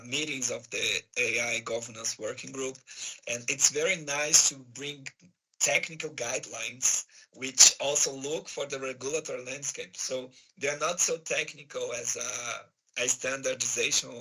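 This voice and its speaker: Hoarse guy with a sore throat, very bright husky voice, talking casually on an online panel, hunting for words. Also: mid-range voice, rough recording. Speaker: guest speaker. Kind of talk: informal answer in an online panel.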